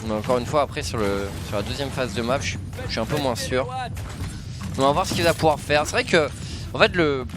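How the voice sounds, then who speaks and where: A man's voice: mid-range voice, brisk, music in the background. A man giving live, conversational analysis as co-commentator on a video game match. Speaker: esports co-commentator.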